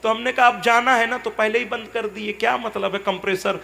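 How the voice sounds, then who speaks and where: A man's voice: high-pitched, fairly even intonation, fairly quick, gravelly. A male preacher giving a devotional discourse to a live audience, retelling a conversation and acting out both voices. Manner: softens to a gentle murmur when speaking to a child on stage. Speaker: katha preacher.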